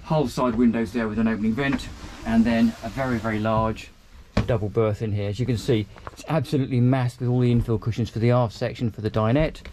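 Filmed handheld, this upbeat tour of a small motor boat cabin comes from a male boat reviewer who points out features as he goes. He talks fairly quickly with hardly any pauses, in a medium-pitched, steady, darkish voice that stays chatty, and there's slight background noise.

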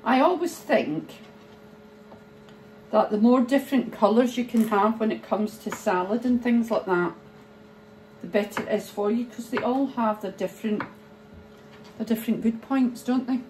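A middle-aged woman, chatting slowly and thinking aloud as she preps food in her home kitchen. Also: a little high, a little mellow. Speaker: cooking vlogger. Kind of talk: casual cooking chat. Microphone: phone camera held nearby. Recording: noisy home kitchen ambience.

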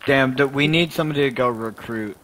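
A man's voice: mid-range voice, brisk, a bit bright. A man speaking casually to other players in gaming voice chat. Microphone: gaming voice chat mic. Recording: faintly noisy game voice chat.

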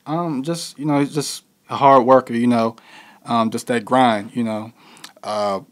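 A young man talks through an interview in an easygoing, unhurried way. His answers wander and loop back, padded with "you know" and "like". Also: mid-range voice, fairly even intonation. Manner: laid-back, heavy with fillers like "you know". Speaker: interview guest, musician. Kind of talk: casual interview conversation.

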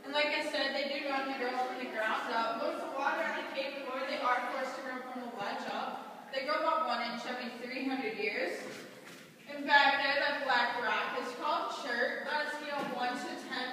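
A high-pitched woman gives a cave tour guide's rehearsed narration, laying out facts and safety instructions. She is heard from a distance inside a heavily echoing cave, through a passenger's camera. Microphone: camera held by a passenger, away from speaker. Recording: echoey cave, distant handheld camera, loud noise.

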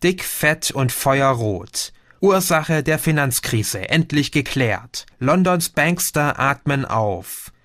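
A man's voice: mid-range voice, normal speed, hardly any pauses, lightly acted. A man reading an audiobook, voicing a grumpy young man who grumbles and mocks. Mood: grumbling. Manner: grumbling, mocking.

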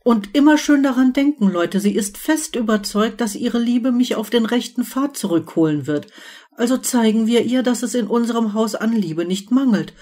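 A woman's voice: on the high side, animated, dark tone. A woman voicing a cocky teenage wizard who gives his friends teasing orders. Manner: brisk, teasing, commanding.

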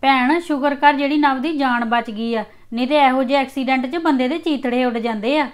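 A woman's voice: sits high, brisk, lightly acted. An actress playing a visiting woman who needles her host with taunts.

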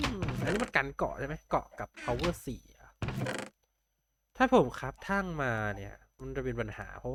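A man's voice: medium pitch, noisy background. A young man casually commenting on his Minecraft game, thinking aloud and chatting with viewers. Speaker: gameplay streamer.

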